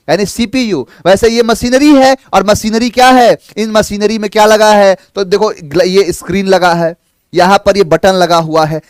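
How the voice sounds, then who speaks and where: A male grammar teacher giving a live online lesson, animated, acting out imagined student replies in quick back-and-forth dialogue. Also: high-pitched, clear, resonant tone, dry recording, clean studio sound.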